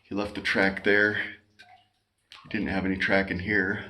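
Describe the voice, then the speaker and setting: A man casually narrating as he explores a mine tunnel, observing and musing in an unhurried way. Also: low-pitched, little pitch movement, bright, forceful tone. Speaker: amateur explorer filming a mine visit. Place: inside an abandoned mine tunnel with running water. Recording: clearly noisy handheld recording.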